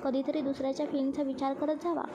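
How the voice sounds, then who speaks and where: A woman's voice: high-pitched, level tone, rapid-fire, background noise, close to an everyday voice. A woman voicing a sensitive, easily frightened young woman who scolds and teases in a storybook reading. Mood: angry. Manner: reproachful, teasing with her friend.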